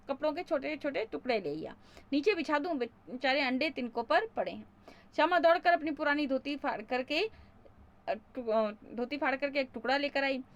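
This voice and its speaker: A woman's voice: sits high, fairly bright tone. A woman teacher reads a school story aloud, voices the children's lines in her reading, and stops to explain each passage in simpler words for young pupils.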